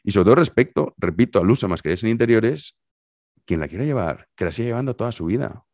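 A man's voice: on the low side, fast, no echo. A man with an accent from Spain, hosting a podcast and telling his listeners an anecdote in a casual monologue, acting out the lines of the people in it. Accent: Spanish from Spain. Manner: animated storytelling, acting out dialogue. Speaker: podcast host.

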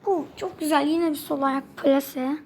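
A woman's voice: sits high, fairly even intonation, unhurried, slight background noise. A young woman with a Turkish accent commentating her mobile football game for her channel, chatty and easily frustrated, talking to her viewers throughout. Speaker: gaming channel host.

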